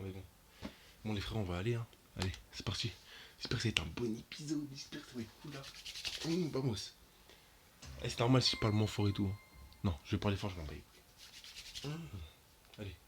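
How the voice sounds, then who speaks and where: A young man giving casual reaction commentary to his viewers, slangy and excitable, his voice jumping high and loud when he is shocked. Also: brisk, noisy background. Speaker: anime reaction YouTuber.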